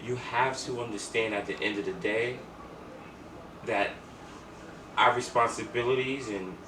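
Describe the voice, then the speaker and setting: Far from the mic in a large, noisy, echoey room, a man with a mid-range voice speaks at a measured pace with fairly even intonation. He co-hosts a podcast of casual chat and stories, talking emphatically with lots of slang and frequent repetition.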